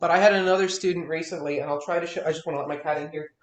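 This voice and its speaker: During a one-on-one lesson consultation, a guitar teacher in his thirties lays out technique with frank, emphatic insistence, racing along and frequently restarting words to hammer a point home. His voice is slightly higher than most men's, with fairly even intonation. There's noticeable room echo and some background noise.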